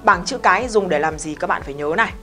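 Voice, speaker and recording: Picture a woman, leading a relaxed English lesson. She talks straight to her students, stressing her points and checking in with quick questions. Faint music plays softly behind her. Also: on the low side. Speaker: English teacher. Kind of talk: casual spoken lesson.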